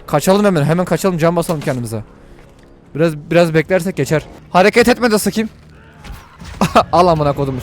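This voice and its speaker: A man giving let's-play commentary to viewers while he plays, excitable and full of crude jokes and swearing. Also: fairly high pitch. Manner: talks to viewers while playing. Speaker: gaming video host.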